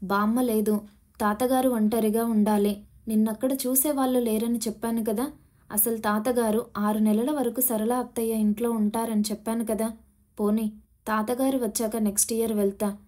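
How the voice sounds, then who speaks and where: A woman's voice: on the high side, steady tone, normal speed, dark tone, lightly acted. A woman voicing a stern, worried mother who scolds her daughter firmly, in an audio storybook. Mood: pleading. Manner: scolding, firm.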